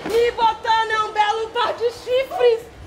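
A man as a melodramatic lovesick bride, very high and slow, street crowd noise. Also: little pitch movement, low-quality recording. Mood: wailing lament. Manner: wailing, melodramatic. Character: lovesick jilted bride, young woman, dramatic. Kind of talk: street theatre comedy. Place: city street, outdoors.

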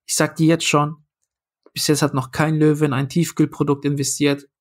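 A man's voice: fairly high pitch, level tone, normal speed. A young man, a comedian and food founder, telling a story casually in a podcast interview, acting out quoted dialogue with lots of fillers.

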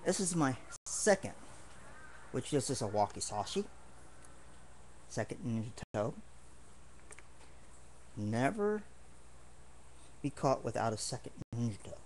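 Unhurried, earnest male hobbyist, rambling home-video demo talk, faint hiss behind. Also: mid-range voice, big pitch swings, darkish tone. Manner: rambling, earnest, with many restarts. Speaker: martial arts hobbyist showing swords. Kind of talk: casual home video demonstration.

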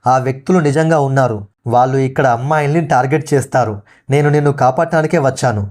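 A man voicing the ghost of a young woman, gentle and protective, speaking softly and reassuringly in a horror story narration. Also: medium pitch, fast, close to an everyday voice. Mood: urgent.

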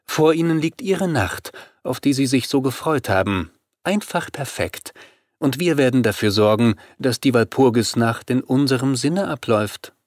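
A man voicing a scornful female vampire queen who speaks calmly and mockingly in an audiobook. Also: medium pitch, normal speed, no echo, clean studio sound, lightly acted.

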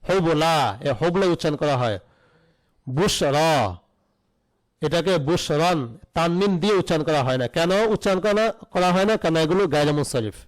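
A man's voice: on the high side, fast talker, hardly any pauses, rough recording. A man teaching an online Arabic grammar lesson, spelling out root letters and asking questions that he answers himself.

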